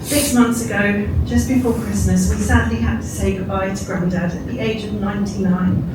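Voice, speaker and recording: Guy, 40s, heartfelt wedding toast, really echoey and distant with clear background noise. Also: high voice, steady tone, normal speed. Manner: heartfelt, sentimental. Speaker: groom. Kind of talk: wedding toast, speech of thanks. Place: indoor wedding reception room. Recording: echoey noisy room, recorded from far off.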